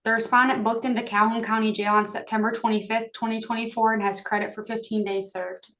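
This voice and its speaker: Woman, higher pitch, flat procedural manner, formal court report, case officer. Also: fast talker, dull audio. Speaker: child support case officer testifying in court.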